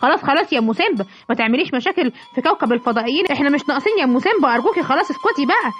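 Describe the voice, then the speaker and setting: A woman with an Egyptian accent voicing an easygoing father lion who keeps the peace in a children's story, talking fast and soothingly. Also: sits high, expressive, a bit bright, faint music behind. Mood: pleading. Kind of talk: home-made children's story acting. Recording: dull lo-fi recording.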